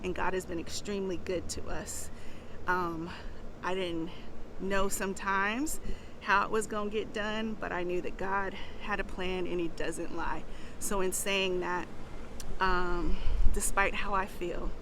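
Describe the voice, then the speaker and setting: A woman's voice: on the low side, flat delivery, unhurried. A middle-aged woman and mother talking heartfelt and casual to her viewers outdoors, at times turning prayerful. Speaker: vlogger, mother. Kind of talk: personal vlog talk. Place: outdoors in wind. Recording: outdoor phone recording with wind noise.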